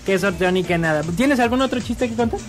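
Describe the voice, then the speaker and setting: A man's voice: high voice, lively intonation, quick pace, faint music behind. A man hosting a morning radio show, jokey and laughing often. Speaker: radio host.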